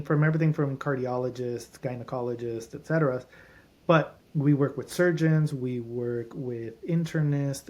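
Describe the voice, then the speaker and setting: A man's voice: medium pitch, a little mellow. A man who is a doctor at a holistic clinic, a guest on a podcast, explaining treatments in runs of lists with frequent restarts.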